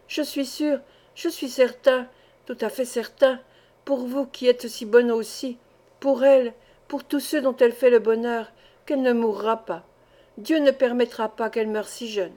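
A woman's voice: on the high side, fairly even intonation, normal speed, dark tone, close to an everyday voice. A woman voicing an earnest young orphan boy in a storybook reading, pleading and sincere.

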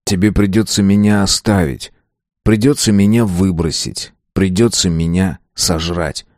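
A man voicing an arrogant, brutal young man who talks gruffly and scornfully. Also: low voice, steady tone, a little slow, a little mellow, no room sound, studio quality. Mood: cold brooding.

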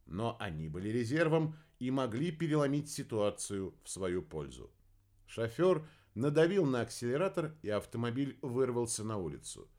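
Male narrator for an action novel; animated, melodic reading, mid-range voice. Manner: lively, expressive reading with strong pitch swings. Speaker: audiobook narrator.

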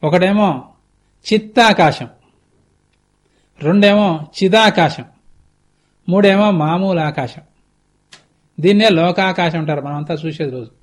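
A man voicing a calm, grave goddess. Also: high-pitched, measured pace, long pauses. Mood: grave, explaining. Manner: gentle, grave, teacherly. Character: calm, grave goddess consoling a grieving queen.

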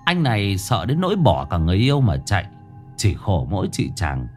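Lively man telling a ghost story. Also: low voice, a little fast, soft background music.

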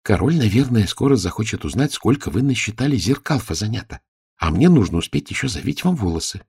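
A man voicing a kind, worried older woman cook in a soft, anxious storybook voice. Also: on the low side, big pitch swings, brisk, breathy edge, pitched above the performer's own voice, exaggerated voice. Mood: worried, gentle.

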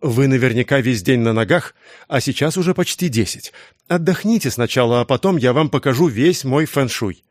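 A man's voice: animated, moderate pace, dry recording, studio quality, close to an everyday voice. A man voicing a strict, volatile middle-aged female schoolteacher in an audiobook, raising his voice for her. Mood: stern. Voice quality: shrill when shouting. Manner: strict teacherly tone. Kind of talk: audiobook reading.

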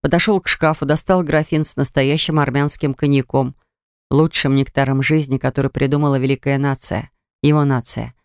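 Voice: medium pitch, fairly even intonation, fairly quick, darkish tone, smooth, no room sound. Audiobook narrator, dry close sound. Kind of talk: scripted narration.

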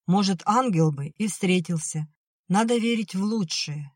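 A reader voicing a mild, soft-hearted young man in an audiobook. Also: medium pitch, unhurried, dry recording, studio quality, voice pushed up, lightly acted. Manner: mild and pleading.

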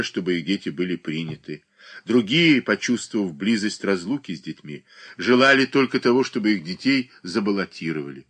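A man narrating a classic novel as an audiobook in an expressive, dramatic reading. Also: on the low side.

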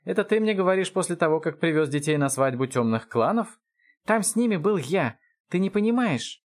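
A man voicing a furious male elf father who yells in a high, frantic voice. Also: animated, fast. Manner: shouting, frantic, high-pitched.

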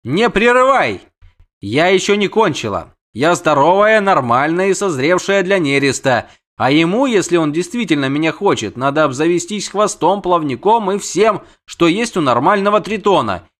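A man's voice: fairly high pitch, big pitch swings, normal speed, a bit bright, voice pushed up. A man voicing a haughty, hot-tempered female siren in an audiobook, with a singsong, indignant delivery. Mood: imperious. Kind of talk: audiobook character voice.

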